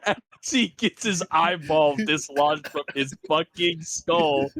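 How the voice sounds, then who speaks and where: A man's voice: fairly high pitch, takes it slowly, fairly bright tone, no echo. A man running a tabletop game as game master, narrating crudely and laughing often.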